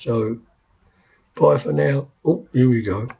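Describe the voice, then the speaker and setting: An older man, hoarse and coughing, rambling chattily with lots of fillers in a casual video message from a quiet room at home. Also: mid-range voice, slow pace. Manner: rambling, chatty, frequent "I mean" and "um". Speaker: vlogger. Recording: dull lo-fi home recording.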